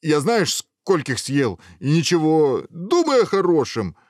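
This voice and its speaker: A man voicing a gruff, blustering ogre. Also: on the low side, normal speed, no room sound, studio quality, close to an everyday voice. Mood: coaxing. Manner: gruff, scolding, then faint and dying. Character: hungry, blustering male ogre, weakening.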